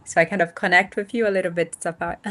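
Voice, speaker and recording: Her lowish voice is pushed and bright, with fairly even intonation. She's a Portuguese-speaking Brazilian woman in her 30s from the north and northeast, a nonprofit founder guesting in a casual interview over remote video call, and she pauses frequently with fillers, thoughtfully groping for her words.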